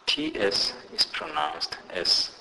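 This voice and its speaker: A man teaching pronunciation in a scripted lesson, deliberately saying each example word twice. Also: fairly high pitch, huge pitch swings, vocal fry, sharp tone, in a large hall, slight background noise, poor audio. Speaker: language teacher.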